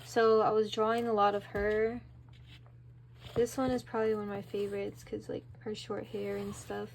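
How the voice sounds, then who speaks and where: A young woman giving a casual, chatty tour of her sketchbooks, excitable and full of fillers. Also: medium pitch, normal speed, vocal fry, a little hiss or hum. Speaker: vlogger.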